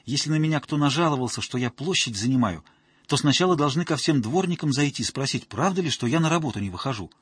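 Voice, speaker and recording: A man's voice: medium pitch, expressive, fast, fairly bright tone, slightly rough, dry recording. A man voicing a drunk, whining woman janitor who fawns and pleads. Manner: wheedling, whiny, ingratiating.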